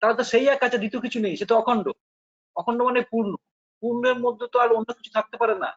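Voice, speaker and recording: A man with a Bengali accent explains spiritual philosophy in a patient, questioning way. His voice sits very high. The recording is dull and lo-fi. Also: fairly even intonation, very fast. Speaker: spiritual teacher. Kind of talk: philosophical discussion.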